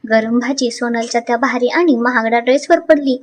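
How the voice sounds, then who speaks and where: A woman narrating a dramatic story in an expressive, animated way. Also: fairly high pitch, a little fast.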